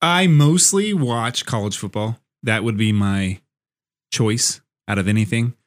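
A man speaking as a podcast guest in casual sports chat, often pausing mid-sentence. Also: fairly low pitch.

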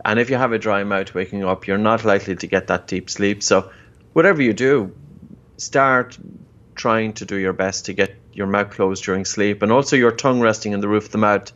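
A man's voice: fairly low pitch, brisk, a bit bright. A man giving explanatory health advice as an expert in conversation, instructive and repeating key phrases for emphasis. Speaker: breathing expert guest and co-host. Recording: dull, band-limited remote audio.

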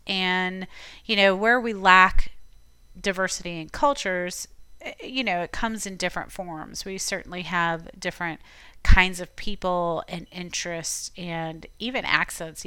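A woman from Florida hosting a podcast, giving chatty, encouraging advice in a relaxed conversational way. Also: fairly low pitch, clear, resonant tone, dry recording. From Tampa, Florida. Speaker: podcast host. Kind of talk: casual advice talk.

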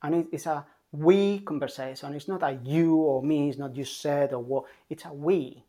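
Calm parenting coach who keeps asking "yeah?". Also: mid-range voice, moderate pace. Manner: calm and emphatic, checks in with a frequent "yeah?"; repeats key points for emphasis. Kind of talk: advice talk to parents.

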